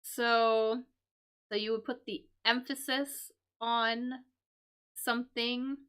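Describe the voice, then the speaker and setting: A woman hosting a live-stream English lesson, explaining crossword clues slowly with many fillers and repeated "right?". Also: on the high side, little pitch movement, a bit bright, smooth. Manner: slow, repetitive explaining with frequent fillers and "right?".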